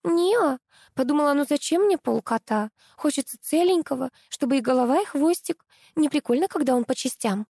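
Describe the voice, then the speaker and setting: Ditzy young pageant girl, chattering fast, high voice, played by a woman, dry recording. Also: expressive, darkish tone, dry recording. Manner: rapid chattering.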